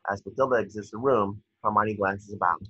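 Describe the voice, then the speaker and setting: At a table read, a man narrates the stage directions in a measured, slightly stumbling manner. His low, raspy, forceful voice keeps a steady tone and is recorded dry, with no room sound, through dull, lo-fi video call audio.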